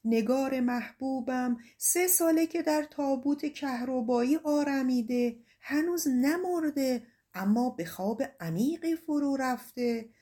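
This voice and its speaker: A lovesick young shepherd on a desperate quest, voiced by a woman narrator. He calls out and pleads with raised, earnest feeling. The voice is fairly high and clean, as in a storybook recording. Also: mellow, close to an everyday voice. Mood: pleading.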